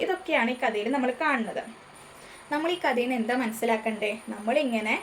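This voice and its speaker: A woman tutor with a Malayali accent, explaining a textbook story to a class and answering her own questions. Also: a little high. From Kerala, India. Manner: asks questions and answers them herself. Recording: faint ambient noise.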